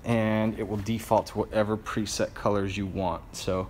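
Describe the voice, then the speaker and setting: Tired low-voiced man hosting a live stream. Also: little pitch movement, moderate pace, a little mellow, a little hiss or hum. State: tired and out of breath. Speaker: car lighting shop host answering viewers. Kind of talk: live-stream Q&A while showing a build.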